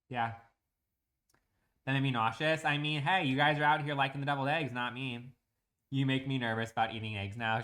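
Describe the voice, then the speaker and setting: Brash, bright-voiced young man ranting. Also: medium pitch. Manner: crude, profane, comic ranting. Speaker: streamer building in a game. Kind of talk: casual live-stream chat.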